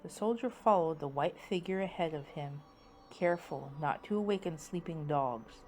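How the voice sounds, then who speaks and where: A woman storyteller with a low voice narrates in a playful, spooky way. She shifts from hushed, suspenseful phrases to sudden dramatic swells. There is some ambient noise behind her. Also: animated, normal speed.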